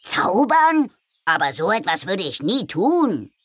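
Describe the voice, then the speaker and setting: A woman's voice: on the low side, sing-song, measured pace, a bit bright, dry recording, full character voice. A woman voicing a cheeky, cocky male cat-bear creature in a storybook reading, with a bossy manner.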